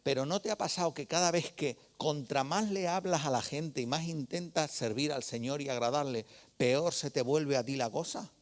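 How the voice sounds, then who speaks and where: A man's voice: fairly high pitch, normal speed. A man preaching a sermon, telling stories in a conversational way and asking the congregation rhetorical questions.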